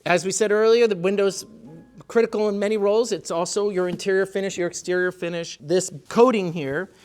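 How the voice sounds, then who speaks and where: A man's voice: high-pitched, fairly even intonation, a little fast, clean tone. A man giving an enthusiastic technical product presentation about windows, with fillers and restarts. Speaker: window company representative.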